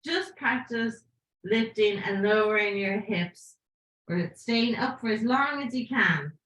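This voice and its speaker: A woman leading a live yoga class with playful, encouraging cues and breath counts, her voice going hoarse. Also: mid-range voice, slow pace, a bit bright. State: losing her voice. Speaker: yoga teacher. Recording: echoey room.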